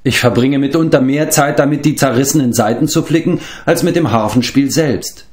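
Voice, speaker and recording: A man's voice: mid-range voice, brisk, a little mellow, pitched above the performer's own voice, natural voice. A man reading aloud and voicing a boastful, hapless former king turned wandering bard who rambles and corrects himself. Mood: rambling. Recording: roomy echo.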